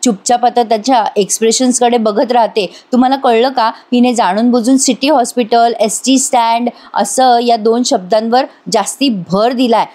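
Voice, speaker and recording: A woman's voice: a little high, steady tone, normal speed, few pauses, dark tone. A woman narrating a voice-over recap of a TV serial, chatting with her viewers and addressing them directly. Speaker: TV serial reviewer.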